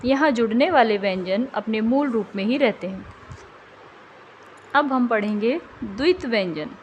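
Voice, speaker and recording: A woman with a fairly high voice narrates a tutoring lesson in a steady, scripted way. She slows right down to stretch out each example word, and a faint hiss of background noise sits behind her. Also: highs cut off. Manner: slow, carefully drawn-out example words.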